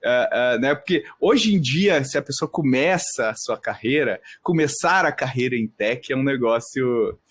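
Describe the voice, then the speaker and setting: A man's voice: medium pitch, animated, normal speed, few pauses. A man hosting a casual interview, asking questions with hesitant repeats. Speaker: host.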